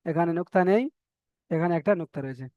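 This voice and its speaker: A man with a Bengali accent gives a slow, patient lesson on the Arabic alphabet, drawing out each letter sound. His voice is clear and fairly high for a man. The recording is dry and a little muffled. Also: no room sound. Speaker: Quran reading teacher.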